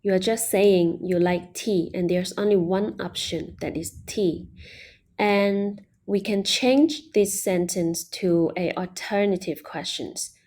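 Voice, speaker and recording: A woman leads an online language lesson at an unhurried pace. Her voice is soft and mellow, and she patiently explains each step. She slowly models every example phrase. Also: medium pitch, fairly even intonation. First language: Mandarin Chinese. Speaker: Chinese language teacher.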